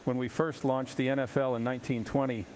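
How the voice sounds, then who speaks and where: A man's voice: mid-range voice, flat delivery, a little fast, a little mellow, natural voice. A man playing an evasive, defensive sports league commissioner in a parody news interview, speaking formally and long-windedly. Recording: clearly noisy background.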